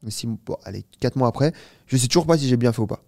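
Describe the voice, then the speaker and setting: A startup founder in his twenties, appearing as a guest in a casual interview, tells a long story fast and animatedly, full of fillers and repeated "tu vois" ("you see"). His voice is mid-range and gravelly, and the recording is dry and studio quality.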